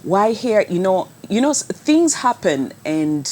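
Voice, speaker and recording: A woman from Zambia, a guest on a talk show, talking in a warm, animated way and laughing easily. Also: mid-range voice, measured pace. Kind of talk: casual interview. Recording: faint background noise.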